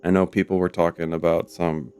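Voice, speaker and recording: A man with a voice still rough from being sick, hosting a casual, chatty reaction video with excitable tangents and casual swearing. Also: fairly quick. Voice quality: deep husky radio-like voice. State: voice rough from recovering from illness. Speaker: YouTube host reading Reddit stories. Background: faint ambient music.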